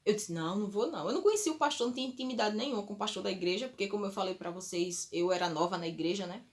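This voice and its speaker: A woman's voice: medium pitch, very fast. A woman giving a personal religious testimony, telling it earnestly and emotionally while speaking straight to viewers.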